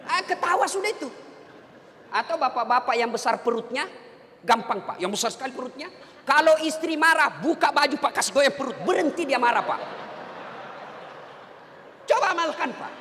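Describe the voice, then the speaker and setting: A man's voice: very high-pitched, lively intonation, normal speed, pauses often, bright, forceful tone, slight background noise. A male preacher giving a humorous sermon, joking and addressing the men in the congregation directly. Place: mosque hall. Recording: echoey hall reverb.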